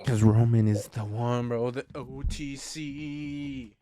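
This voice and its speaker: Excitable man co-hosting a chat show. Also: medium pitch, slow, a crowd in the background. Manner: excitable, hypes things up with bursts of shouting. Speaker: podcast co-host. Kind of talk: casual chat.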